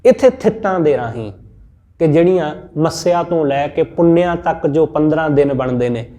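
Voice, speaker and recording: A man with a Punjabi accent giving a scripture sermon, teaching in a measured, repetitive way with everyday examples. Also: a little high, animated, mellow. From India. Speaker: Sikh scripture preacher. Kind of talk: sermon-style scripture exposition.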